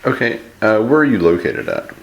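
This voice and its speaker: A man's voice: on the low side, wildly swooping pitch, brisk, muffled recording. A man calling a customer service line, talking casually, a little hesitant but persistent. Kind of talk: casual phone inquiry. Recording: echoey room, clear background noise.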